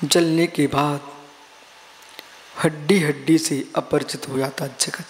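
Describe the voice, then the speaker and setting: High-voiced Indian monk preaching slowly. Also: male voice, steady tone. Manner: rhythmic chanting, repetition, addresses listeners by name. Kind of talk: live sermon. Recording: long hall reverb.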